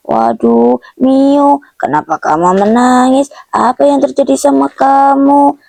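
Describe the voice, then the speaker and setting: Woman playing a fretful young boy, lowered voice, slightly gravelly, game drama. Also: unhurried, a little mellow, no echo. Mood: worried. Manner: anxious, fussing, urgent. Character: worried young boy named Kayuta. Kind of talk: game roleplay voice acting.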